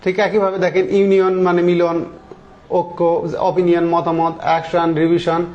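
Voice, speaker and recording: A man's voice: sits high, little pitch movement, moderate pace, highs cut off. A man teaching an English grammar lesson, explaining step by step and asking the class questions.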